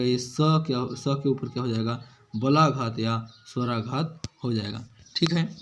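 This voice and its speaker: A man gives a grammar lesson at an ordinary pitch. He explains step by step, keeps putting a question to the learners and answers it himself. He ends points with small checking tags. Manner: repeats questions to students and answers them himself, with frequent "है ना" tags. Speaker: Hindi grammar teacher.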